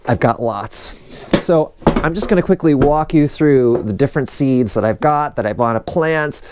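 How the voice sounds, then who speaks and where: A man's voice: mid-range voice, normal speed, noisy background. A man hosting a casual gardening vlog, chatty and enthusiastic, often drifting off topic. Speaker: gardening vlogger. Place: outdoors in a snowy garden for part.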